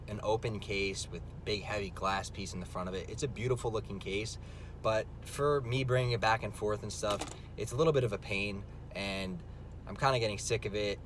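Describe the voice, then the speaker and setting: Young man vlogging on phone in car. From New Jersey. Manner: rambling, loose, many filler words. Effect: filmed on a phone in a moving car. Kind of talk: casual vlog chat while driving. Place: inside a car on the road. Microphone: phone camera mic. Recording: phone video with loud car rumble. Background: vehicle engine and road rumble.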